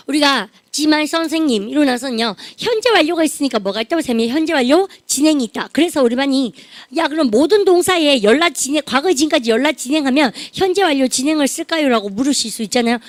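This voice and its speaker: A woman teaching English grammar in a lively classroom lecture, often prompting the class to repeat phrases aloud. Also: high-pitched, no room sound. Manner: refers to herself as 쌤 (teacher). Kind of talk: classroom grammar lecture with call-and-response drills.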